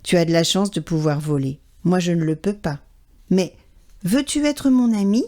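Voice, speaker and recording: A woman's voice: lowish voice, moderate pace, darkish tone, voice pushed down, lightly acted. A woman voicing a timid young male field mouse in a children's storybook reading, eager and earnest. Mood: friendly.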